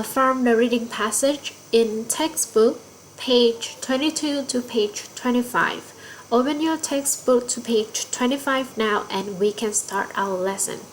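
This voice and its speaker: A woman with a Vietnamese accent teaches English vocabulary in a recorded lesson voice-over. Her voice sits a little high, and she moves between accented English definitions and Vietnamese explanations. A faint hiss runs under the recording. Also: low-quality recording. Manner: explains each word in English, then again in Vietnamese.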